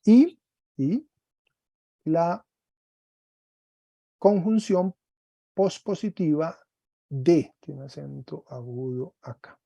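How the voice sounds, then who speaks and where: A man teaching a Greek class online, explaining slowly step by step and often checking with "¿cierto?". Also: fairly high pitch, vocal fry, dark tone, no echo.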